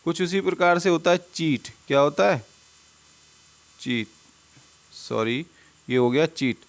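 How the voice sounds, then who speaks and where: A man's voice: a little high, lively intonation, a little slow, creaky. A man with a slightly raised voice talks through a spelling lesson over slides. He poses a question, then gives the answer himself, saying each word twice in a patient, drilling way. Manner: asks questions and answers them himself, repeats words. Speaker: English teacher. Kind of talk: Hindi-language spelling lesson.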